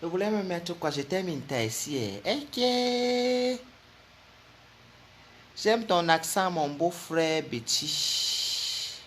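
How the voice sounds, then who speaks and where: A man's voice: high-pitched, very animated, takes it slowly, long pauses, slight background noise. A man, delivering a comic, mocking rant as a vlogger, full of insults and laughter. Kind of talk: comic ranting monologue.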